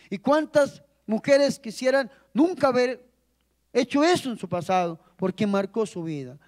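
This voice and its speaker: High-voiced priest preaching with sweeping emphasis. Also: male voice, darkish tone. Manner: preaching with dramatic rises and drops, drawn-out emphasis; rhetorical questions to the congregation. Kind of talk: sermon.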